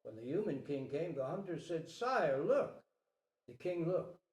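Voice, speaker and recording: At a retreat talk in a reverberant room, a Zen teacher reads a parable aloud with theatrical, emphatic storytelling, drawing out his phrases. His voice is a little high and warm, and the live recording is roomy and echoing.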